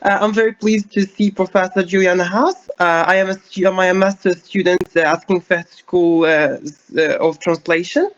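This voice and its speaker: Young guy student on a muffled video call, high voice, lots of uhs. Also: steady tone, moderate pace, few pauses. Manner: hesitant, many fillers. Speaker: master's student asking a question. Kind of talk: asking a question in an online lecture. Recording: dull lo-fi video call audio.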